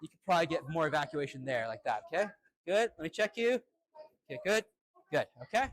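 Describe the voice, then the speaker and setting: A male fencing instructor running a live drill with crisp, short commands and encouraging words. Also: fairly high pitch, big pitch swings, quick pace, fairly bright tone.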